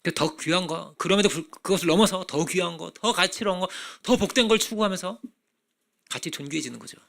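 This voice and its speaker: Brief: male pastor, sermon, raised pitch, gravelly and bright, chatty with rhetorical questions. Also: fairly quick. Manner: conversational preaching with frequent rhetorical questions; acts out children's voices in animated bursts.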